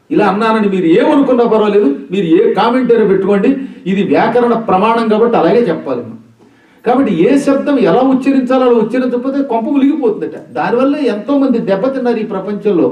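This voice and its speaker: An older man with a Telugu accent delivers a religious discourse in a teacherly way, posing questions and then answering them himself. His voice is high-pitched yet mellow. He is recorded from a distance in an echoing hall. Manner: teacherly, demonstrates sounds, asks and answers his own questions.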